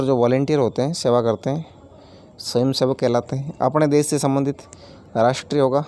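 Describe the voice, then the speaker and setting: A man's voice: medium pitch, mellow. Man teaching a patient grammar lesson. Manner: explains each word with everyday examples, repeats terms; addresses viewers as friends.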